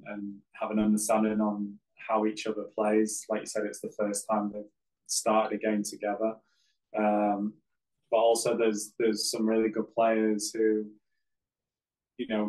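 A man, a football coach answering press questions after a game on a video call, measured and full of fillers. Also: lowish voice, rough recording. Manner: measured, flat delivery with many fillers. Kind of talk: post-game press conference. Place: press backdrop, indoors.

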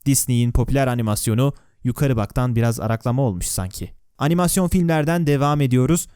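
A man talks fast in a mellow, clean, medium-pitched voice, with no echo, narrating a video close on a dry voice-over mic. Though scripted, it feels conversational, with wry, sarcastic asides and questions directed at whoever's watching.

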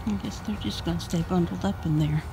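While doing morning farm chores in her backyard and shed outside at night, an older vlogger talks casually and sings sweetly in a high voice to her dogs and chickens. She records on a handheld phone camera, speaks a little fast, and music plays in the background.

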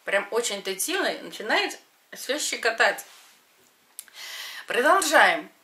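A middle-aged woman teaching exercises to camera, giving short step-by-step instructions with pauses between them. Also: on the high side, very animated, bright, forceful tone. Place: indoors, in front of a padded wall.

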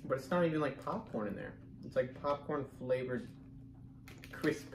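A man's voice: medium pitch, animated, vocal fry, far from the mic. Young man talking while chewing candy. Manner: joking, chatty, quick to laugh. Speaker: co-host of a taste-test video. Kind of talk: casual chat. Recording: echoey room, faint background hum.

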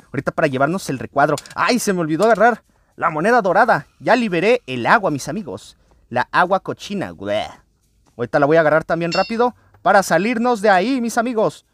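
An excitable man, hosting a let's play video and talking to his viewers as he plays. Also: sits high, slight background noise. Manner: excitable, often addresses viewers as friends. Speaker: gaming channel host.

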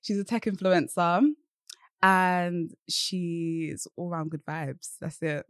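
A young woman who grew up in Britain, chatting as an interview guest on a studio boom mic, laughing and quoting herself often. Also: steady tone, slow pace, a bit bright, clean tone, no echo. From Zimbabwe, raised in Britain. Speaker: guest, tech consultant. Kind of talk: casual interview. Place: studio with sofa and plants.

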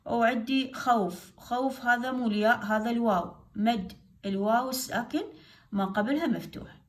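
A woman's voice: a little high, fairly quick. A woman teacher explaining a religious studies exercise step by step, repeating each answer. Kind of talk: lesson on Quran recitation rules.

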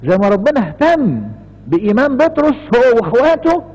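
Husky Egyptian priest preaching with lively pitch. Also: male voice, a little fast. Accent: Egyptian Arabic. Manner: impassioned, swings from emphatic rises to hushed pleading asides. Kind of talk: sermon. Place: church. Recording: dull, echoey church recording.

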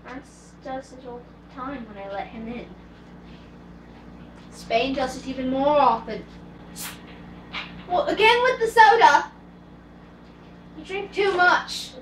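A woman's voice: high voice, animated, takes it slowly, pauses often, echoey room, slight background noise. A woman playing a bossy, prim young Englishman in an amateur cosplay comedy skit, giving orders in a dry way, filmed by a far camera in a home kitchen.

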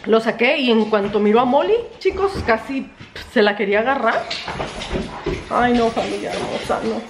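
A woman vlogging casually from home, chatty and exasperated, sometimes breaking off to scold her dog in sharp high bursts. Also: expressive, moderate pace, vocal fry, noisy background. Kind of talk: casual vlog chat. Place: at home, indoors and outdoors.

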